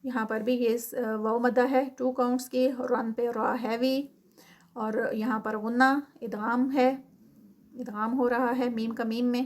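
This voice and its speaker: A woman with a Pakistani Urdu accent teaching Quran recitation, who recites words slowly and drawn out, then explains quietly and quickly. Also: a little high, flat delivery. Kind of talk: tajweed lesson, explaining and reciting.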